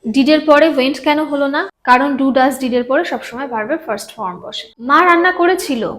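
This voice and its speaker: High-voiced woman teaching English grammar. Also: a bit bright. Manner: explains in Bengali, reads English examples slowly and deliberately; acts out little family dialogues. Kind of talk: grammar lesson.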